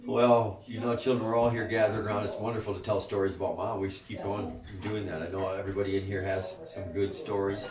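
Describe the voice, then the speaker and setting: A man's voice: lowish voice, level tone, fast, hardly any pauses, a crowd in the background. Man, spiritual group leader, swearing and laughing, recorded from a distance, echoey room. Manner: profane, laughing, swings between soft and loud. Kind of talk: rambling spiritual talk to a gathering. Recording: echoey room, far from the mic.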